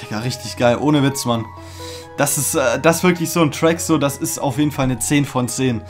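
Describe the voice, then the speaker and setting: A man's voice: mid-range voice, fairly quick. Young guy doing a music reaction, slangy and hyped, lots of ums, mid voice, music faint under him. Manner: slangy and enthusiastic, frequent fillers and restarts. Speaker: reaction video host. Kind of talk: casual music reaction commentary. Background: faint music playing.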